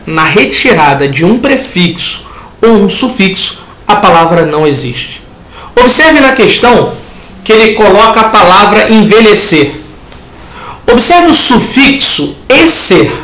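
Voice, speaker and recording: A man's voice: sits high, a bit bright, roomy sound. A man with a Brazilian Portuguese accent teaching a lesson that reviews exam answers, talking the class through each step and acting out students' questions.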